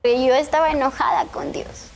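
High-voiced woman telling her testimony. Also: steady tone, moderate pace, slight background noise. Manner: earnest, emotional storytelling. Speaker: interview guest sharing her testimony. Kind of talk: personal faith testimony. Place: TV studio.

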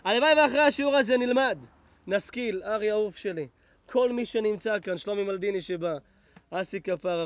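A rabbi gives an animated Torah lesson, his high voice swinging from hushed storytelling to loud, fervent blessings. He sounds middle-aged. The sound is close and dry, with almost no room around it. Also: no echo. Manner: animated, drops to hushed tones for stories, then rises to loud blessings.

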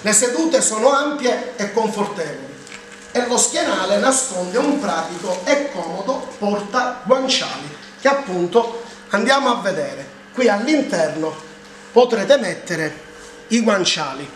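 Echoey high-voiced infomercial salesman. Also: lively intonation, a little slow, fairly bright tone. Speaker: TV furniture salesman presenting offers. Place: large indoor furniture showroom. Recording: echoey showroom, distant mic, faint noise.

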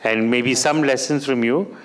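A man's voice: medium pitch, a little slow. A man moderating a panel discussion at a business conference, asking long structured questions with "you know" fillers. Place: conference stage in a large hall.

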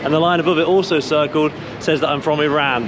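A man's voice: a little high, fairly even intonation, fast, noisy background. Chatty English man vlogging on the move. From England. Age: 30s. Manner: chatty, explains steps to camera while walking. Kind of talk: casual travel vlog. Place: outdoors in a city and inside a busy public hall. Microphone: camera held at arm's length. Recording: background music.

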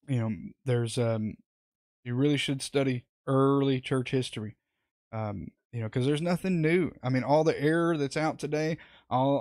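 A man's voice: medium pitch, darkish tone, dry recording. A man hosting a live, unscripted Bible study, rambling with many fillers and restarts as he comments on scripture.

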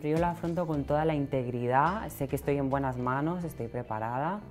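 Deep-voiced young woman. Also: fairly quick, a little mellow, faint music behind. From Catalonia, Spain. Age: 20s. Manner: earnest, reflective, repeats words when searching. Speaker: pageant winner guest. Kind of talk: casual interview answers. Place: small TV studio set, indoors. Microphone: lapel mic.

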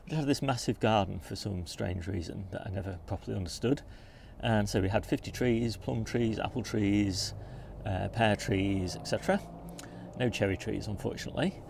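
Guy filming his garden outdoors on a phone, low gravelly voice, bit of hiss. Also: normal speed. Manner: relaxed, informative, pointing things out as he walks. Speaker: gardening channel host. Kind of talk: casual garden tour walkthrough. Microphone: handheld phone camera.

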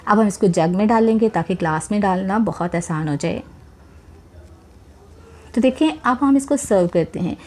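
Expressive and mid-range, this woman's voice proceeds at a moderate pace with long pauses as she talks through a recipe in voice-over, unseen. Warmly chatty, she encourages viewers directly and keeps adding religious blessings while cooking.

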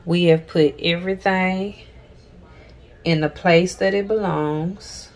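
A woman in her thirties talks to her viewers while she tidies her kitchen. Her voice sits a little low, and she rambles loosely, often circling back with "so yeah". The sound comes from a camera on a tripod a few steps away in a home kitchen. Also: takes it slowly. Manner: relaxed, rambling, repeats "so yeah". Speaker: vlogger. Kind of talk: casual cleaning vlog chat. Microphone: camera on tripod across the room.

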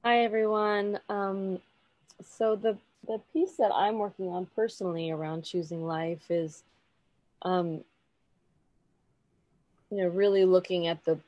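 A woman's voice: medium pitch, steady tone, unhurried, long pauses, darkish tone, no echo, poor audio. A woman sharing something personal in a group, hesitant and reflective. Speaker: participant.

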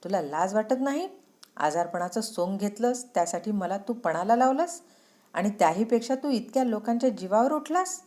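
A woman voicing a betrayed young woman in a storybook reading, speaking high and accusing. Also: lively intonation, moderate pace, a little mellow, natural voice. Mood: furious.

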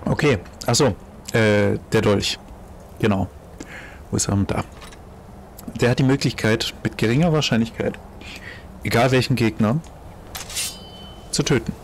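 A man's voice: mid-range voice, a little slow, pauses often, slight background noise. A German man giving casual let's play commentary, chatty and thinking aloud, exclaiming over loot as he finds it.

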